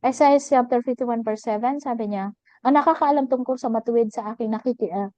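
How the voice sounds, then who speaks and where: A woman's voice: on the high side, brisk, a little mellow, no echo, poor audio. A woman pastor from the Philippines preaching at a Bible study, giving fervent testimony and quoting her own prayers to God.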